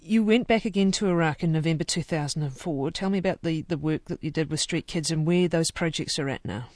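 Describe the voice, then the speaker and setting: A man's voice: a little high, fairly quick, darkish tone, no room sound, clean studio sound. A man interviewing a guest, with direct and concise questions.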